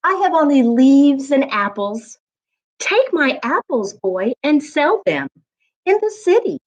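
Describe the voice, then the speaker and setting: A woman voicing a loving, self-sacrificing female tree in a storybook, gentle and soft-spoken. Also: sits high, very animated, slow, pitched above the performer's own voice, full character voice, low-quality recording. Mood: tender, giving.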